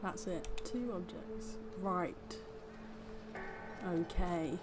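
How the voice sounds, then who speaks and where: A woman's voice: lowish voice, very slow, loud music behind the voice. A woman giving casual gameplay commentary, muttering to herself in a sardonic way. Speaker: gamer playing and commenting.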